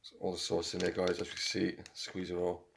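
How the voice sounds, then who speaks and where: A man's voice: sits low, completely flat delivery, a little fast, vocal fry. A young man vlogging a food challenge in a kitchen, chatting casually to his viewers. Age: young adult. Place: small home kitchen. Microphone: handheld camera. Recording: noisy handheld camera recording.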